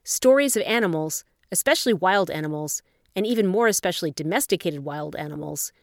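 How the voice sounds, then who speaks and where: Low-voiced, wryly erudite woman essayist. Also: dry recording, clean studio sound. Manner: articulate, erudite, wry and dryly ironic. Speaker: university literature lecturer. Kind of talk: scripted essay narration, literary lecture.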